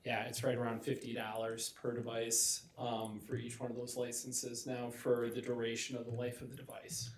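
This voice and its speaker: A man's voice: mid-range voice, completely flat delivery, moderate pace, hardly any pauses, slight background noise. A man presenting at a school board meeting, explaining details casually with fillers. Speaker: district technology staff presenting. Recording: echoey room, mic at a distance.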